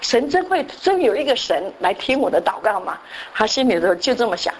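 A woman gives a sermon as a long told story. Her voice sits a little high, and she keeps dropping English words into her speech. A faint noise runs under the recording. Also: very animated, a little fast, poor audio. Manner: frequent "好" fillers and restarts. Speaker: church speaker.

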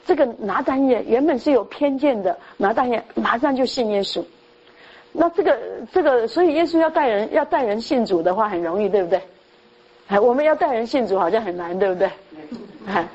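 Older lady giving a sermon, acts out the dialogue, kinda husky, muffled lo-fi sound. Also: on the high side, darkish tone. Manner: storytelling, acts out quoted dialogue. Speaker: preacher.

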